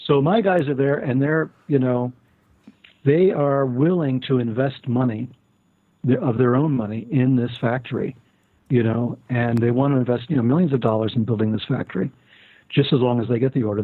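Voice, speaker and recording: A man's voice: mid-range voice, brisk, no echo. An older man talking as a guest, telling stories at length with many fillers and restarts. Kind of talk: casual interview talk. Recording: tinny phone-line sound.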